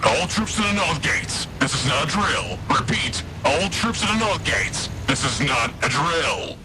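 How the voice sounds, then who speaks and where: A man voicing a soldier who gives an urgent, repeated alarm over a base loudspeaker in a video game, with battle noise behind. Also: on the high side, very animated, a little slow. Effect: base-wide alarm loudspeaker announcement.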